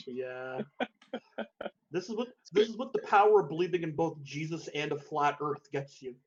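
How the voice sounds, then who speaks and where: A man's voice: fairly high pitch, animated, unhurried, pauses often. A man co-hosting a podcast in casual chat who laughs often, swears freely and announces the next match. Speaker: podcast co-host. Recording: dull lo-fi recording.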